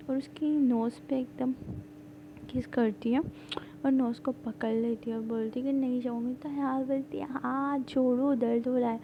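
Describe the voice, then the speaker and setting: A woman casually retelling a drama plot, rambling with many fillers and halting restarts. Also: a little high, phone-quality sound, a little hiss or hum. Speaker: storyteller recapping a drama plot.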